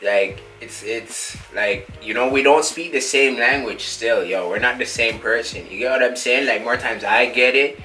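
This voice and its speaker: A man's voice: medium pitch, moderate pace, few pauses, bright, forceful tone, soft background music, close to an everyday voice, low-quality recording. A young man, playing a cocky street rapper who rambles in thick slang and caps every thought with a filler tag. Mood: rambling. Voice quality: slang-heavy rambling with endless filler tags. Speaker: musician being interviewed. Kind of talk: comedy sketch.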